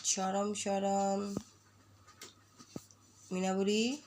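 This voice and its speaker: A woman's voice: mid-range voice, flat delivery, very slow, a little mellow, a little hiss or hum. A woman in a casual home vlog, coaxing and doting on her pet in baby-talk while making asides to her viewers. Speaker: vlogger talking to her pet.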